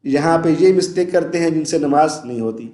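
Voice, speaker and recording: A man with a Pakistani Urdu accent and a high, light voice teaches Quran recitation, explaining pronunciation errors in plain speech. He then chants the verses slowly, stretching each sound. The room around him is echoey and roomy. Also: mellow. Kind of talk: recitation lesson.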